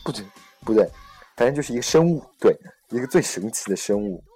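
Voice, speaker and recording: Young man hosting a chat, husky. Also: mid-range voice, animated, a little fast, warm tone, faint music behind. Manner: hesitant, many fillers and self-corrections. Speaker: host. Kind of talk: casual chat on a podcast-style program.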